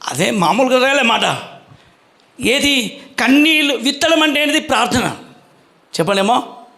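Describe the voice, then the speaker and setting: A man's voice: extremely high pitch, lively intonation, moderate pace, vocal fry, pushed and bright. A male pastor preaching a sermon, questioning the congregation and calling for their answers.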